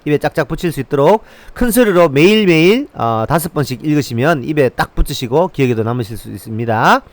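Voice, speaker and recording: Lively man teaching phrases. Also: fairly high pitch. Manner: slow drilled repetition of phrases. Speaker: language teacher. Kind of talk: language lesson, repeating phrases.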